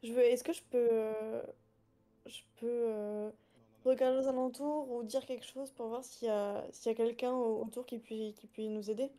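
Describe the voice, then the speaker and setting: A woman's voice: a little high, steady tone, normal speed, dark tone. A woman chatting casually as a player in a tabletop role-playing game. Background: background music.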